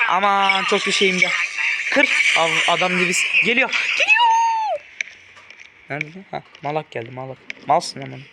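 A young Turkish gaming YouTuber plays a horror game with casual, joking commentary, often swearing and yelping at it. His voice is a little high, and the very noisy recording has loud game music behind him.

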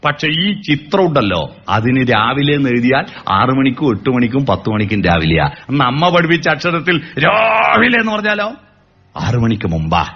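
Male motivational speaker, lively delivery with sung snippets, muffled recording. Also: medium pitch, moderate pace, breathy edge. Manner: animated, sings song lines and acts out calls to make points. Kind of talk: public speech on family and education. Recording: dull lo-fi recording.

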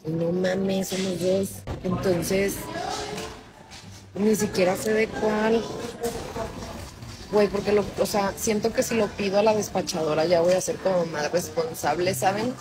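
A woman's voice: medium pitch, steady tone, unhurried, lightly acted, poor audio. A woman playing a rambling insecure Mexican newlywed. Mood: anxious. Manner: rambling, self-conscious. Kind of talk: comedy sketch.

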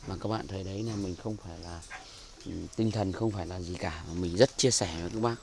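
Pitched low and fairly quick, a man with a Northern Vietnamese accent walks the camera around his outdoor aviary in casual narration. He's talkative, using lots of fillers and repeated words, and the handheld camera mic catches a noisy background.

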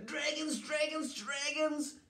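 A man's voice: extremely high pitch, fairly even intonation, takes it slowly, bright, forceful tone, recorded from a distance, pitched above the performer's own voice, full character voice. A man voicing panicked townspeople screaming in a storybook reading, in a roomy echo.

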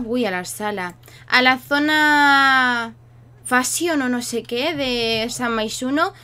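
A woman's voice: high-pitched, sharp tone. A young woman, chatting playfully through a life-sim game for her viewers and talking to her characters. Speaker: gaming YouTuber. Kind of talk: casual game commentary.

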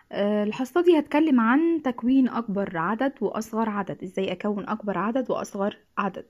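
A woman with an Egyptian accent teaching a math lesson, patiently repeating each point and often clearing her throat. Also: a little high, a little mellow, dull audio. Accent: Egyptian Arabic.

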